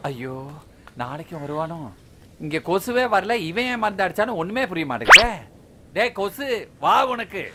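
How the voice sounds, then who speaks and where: An actor playing a bumbling, excitable comic father who wails and complains. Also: high voice, normal speed, long pauses, background noise. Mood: grumbling. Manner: exaggerated, wailing. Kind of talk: comedy film dialogue. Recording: film audio with loud music. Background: loud background music.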